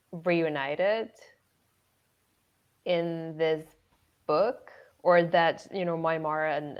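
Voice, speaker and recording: A woman co-hosting a casual book podcast, hesitant and full of restarts and fillers. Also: on the low side. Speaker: podcast co-host. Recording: dull lo-fi audio.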